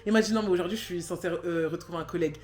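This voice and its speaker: A woman in her twenties telling a personal story in a chatty vlog, talking loosely with lots of fillers and animated bursts. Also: lowish voice, racing, roomy sound. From Cameroon. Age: 20s. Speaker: vlogger. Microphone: phone camera.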